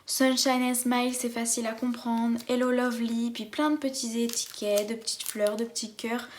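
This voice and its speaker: A woman's voice: fairly high pitch, fairly even intonation, moderate pace, slight background noise. A woman chatting enthusiastically as she unboxes a craft kit for her viewers. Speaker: craft vlogger. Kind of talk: casual unboxing chat.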